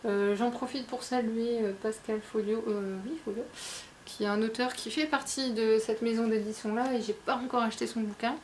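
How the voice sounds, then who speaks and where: A woman's voice: a little high, fairly even intonation, moderate pace, darkish tone, a little hiss or hum. A woman book vlogger chatting casually about her new books, hesitant and full of fillers. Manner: chatty, hesitant, many fillers, laughs often. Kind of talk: casual book haul chat.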